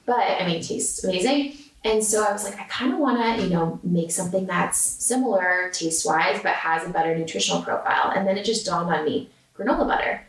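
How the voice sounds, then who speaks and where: This food company founder, a woman from San Diego, California, talks with a medium-pitched voice at a fairly quick clip and barely pauses. Appearing as an interview guest, she's chatty and leans heavily on fillers like "um" and "like." A far-off microphone gives the recording a roomy feel.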